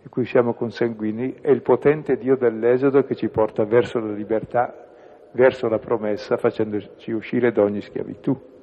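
A man leading a reflection on a bible passage, slow and measured, trailing off softly at the ends of phrases. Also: mid-range voice, steady tone. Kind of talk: spoken reflection on scripture. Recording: echoey hall over a tinny phone-like line.

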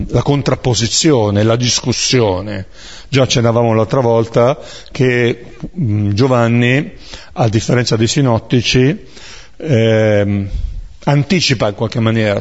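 A man leading a Bible study, reading scripture aloud and explaining it in a measured way, pausing often to search for words. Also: mid-range voice, darkish tone. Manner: measured, searching for words with many fillers and restarts. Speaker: Bible teacher. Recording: dull, lo-fi recording.

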